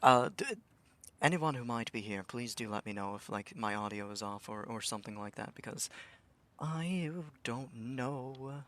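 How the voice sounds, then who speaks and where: Rambling young male streamer, low voice. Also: fairly even intonation, fairly quick, sharp tone. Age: young adult. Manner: rambling, self-talking, stammering restarts, swears. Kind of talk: casual live-stream commentary.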